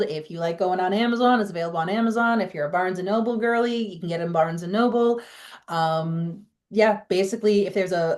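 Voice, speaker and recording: A woman's voice: mid-range voice, a little mellow. A woman from the Boston area with a faint Boston accent, talking candidly and chattily as an author guest in a podcast interview. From Boston area, USA. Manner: candid, chatty, with fillers and restarts.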